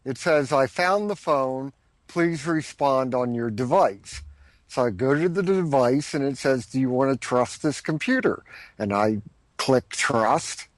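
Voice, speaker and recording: A matter-of-fact man, dry in tone, joins a casual chat from afar as a guest. His voice is mid-pitched and sounds close, with no room echo. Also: expressive, a little slow. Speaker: remote guest.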